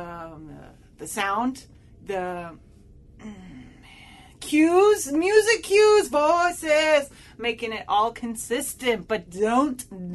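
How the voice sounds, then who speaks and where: A woman playing a tipsy, smoky-voiced host. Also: medium pitch. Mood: ranting. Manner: sarcastic, rambling, swings loud and soft. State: tipsy from drinking. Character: tipsy sarcastic woman podcast host, prickly. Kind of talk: audio drama.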